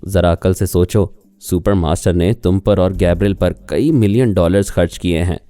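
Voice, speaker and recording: A man voicing a calm male telepath who reasons patiently on the phone, in an audiobook reading. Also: low voice, no room sound, studio quality, soft background music, natural voice. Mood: persuasive.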